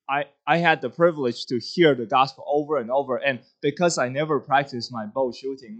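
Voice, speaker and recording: A man's voice: medium pitch, a bit bright. Earnest man from Taiwan giving testimony. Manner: earnest, halting with many fillers. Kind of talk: church testimony.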